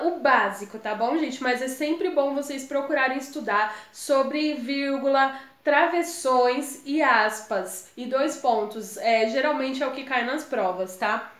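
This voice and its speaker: A Brazilian woman with a high voice walks viewers through exam grammar in a relaxed, chatty way. The room around her is echoey. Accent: Brazilian Portuguese. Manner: chatty, addresses viewers as gente. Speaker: exam prep tutor. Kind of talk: casual explanatory lesson.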